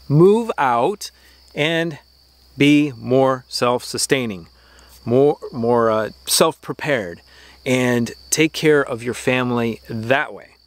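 Talking earnestly to the camera from his backyard garden, a man in his thirties who hosts a homesteading channel delivers faith-based vlog talk. His voice is fairly high and a bit bright, the recording is dry, and his manner is preachy and exhortative, full of emphatic repetition.

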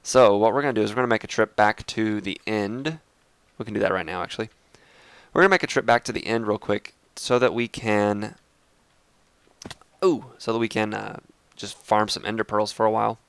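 A man's voice: lowish voice, a little fast, creaky, fairly bright tone, smooth, no room sound. A young man with a congested, stuffy voice, chatting casually while he plays a game and talks to his viewers. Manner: chatty and rambling, addresses viewers as guys. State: congested, clogged sinuses. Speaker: Minecraft let's play host. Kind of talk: casual gameplay commentary.

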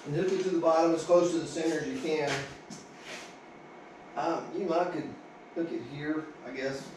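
A middle-aged DIY vlogger, voice a little high and steady at normal speed, works in his indoor garage workshop, informally explaining a hands-on task and half talking to himself. Filmed on an action camera either on a tripod or held by hand, the recording has roomy echo, noticeable noise and handling clicks, with the distance varying.

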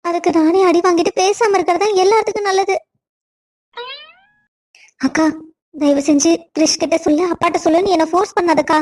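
Woman voicing a high, tearful timid young woman. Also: fairly even intonation, brisk, pauses often. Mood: pleading. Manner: soft, pleading.

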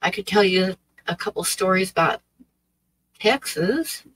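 Her medium-pitched voice has lively intonation and an unhurried pace, though the recording is low quality. She's a sixty-something Oregon woman hosting a livestream in a small, dim room with a draped wall, casually rambling and hesitating with many fillers as she talks with her live chat.

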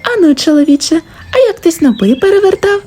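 A woman's voice: extremely high pitch, expressive, brisk, dark tone, soft background music, voice pushed up. A woman voicing a cunning, playful female fox who teases and coaxes in a storybook tale. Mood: sly, teasing. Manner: teasing, coaxing. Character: cunning little vixen, sly and playful.

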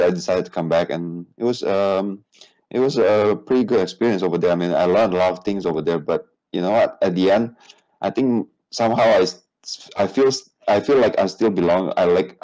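Man, Indonesian, deep voice, relaxed, lots of fillers, earphone mic, office. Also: rough recording. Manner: relaxed, hesitant with many fillers. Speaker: guest. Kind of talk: casual interview chat. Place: office with whiteboard. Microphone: earphone headset on video call.

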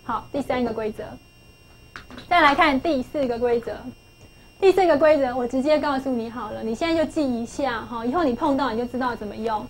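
A middle-aged woman with a high voice teaches a phonics lesson. She keeps asking her pupils questions and repeats the key points to drive them home. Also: fairly quick, breathy edge, low-quality recording. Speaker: English teacher.

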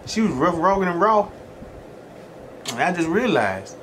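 This Southern-accented, middle-aged man speaks between bites as a mukbang host, telling folksy, rambling stories in a casual way. His voice sits high and fairly bright, with big pitch swings and an unhurried pace; there's slight background noise.

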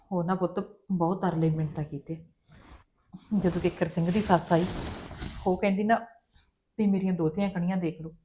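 A woman's voice: fairly low pitch, a little mellow, close to an everyday voice. A woman playing a mother who soothes and coaxes her upset daughter in a family drama. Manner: soothing, coaxing, repeatedly calling her child. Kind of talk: Punjabi family drama dialogue.

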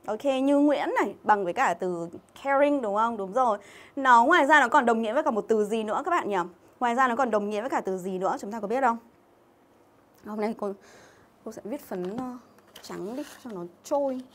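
A Vietnamese English teacher holds a livestream exam-review lesson, speaking a little fast in a slightly high voice. She's chatty and keeps calling out viewers' names from the comments between explanations.

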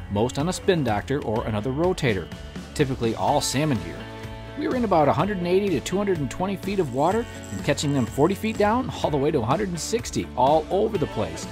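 A man's voice: on the high side, sing-song, fast talker, music in the background. A man narrates an outdoors show as its host, upbeat and enthusiastic. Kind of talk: scripted narration.

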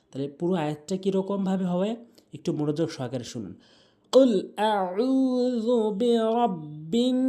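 A man from Bangladesh teaching Quran pronunciation in Bengali, spelling out letters and vowel marks and then chanting each verse in long, drawn-out recitation. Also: a little high, warm tone. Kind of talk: patient tajweed lesson.

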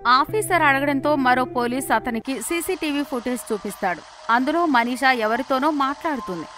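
Female storyteller, high-pitched, dramatic scripted narration over loud background music. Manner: measured, dramatic storybook telling.

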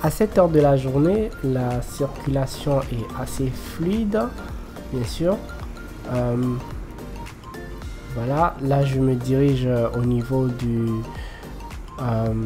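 A man narrates a city walking tour, filming on his phone as he walks beside a busy road. He speaks slowly, pausing often with fillers. Clear background music sits under the voice, along with passing traffic. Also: mid-range voice. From Côte d'Ivoire. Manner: slow, hesitant, many fillers.

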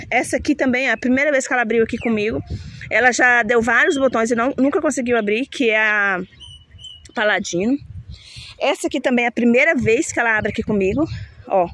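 A woman's voice: a little high, fairly bright tone. A woman chatting casually to her viewers about her plants, laughing at herself when she stumbles over names. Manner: chatty, self-mocking about pronouncing names. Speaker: plant vlogger showing her flowers.

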